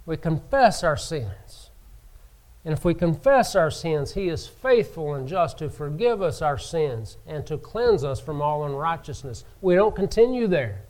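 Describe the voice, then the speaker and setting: A man preaching a sermon from the pulpit, slow and emphatic, rising in pitch and volume to stress his points. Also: big pitch swings, darkish tone. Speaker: pastor.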